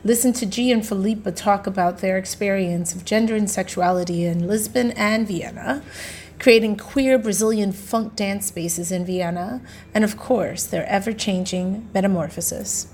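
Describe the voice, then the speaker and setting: A woman's voice: mid-range voice, normal speed, darkish tone, reverberant, a little hiss or hum. A woman hosting a podcast, chatty and laughing as she asks questions. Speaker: podcast host.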